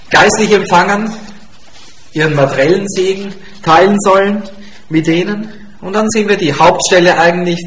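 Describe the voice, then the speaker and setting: A man's voice: high voice, a bit bright. A man preaching a sermon in a church hall as the congregation's pastor, speaking emphatically and repeating his key points. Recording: echoey church room.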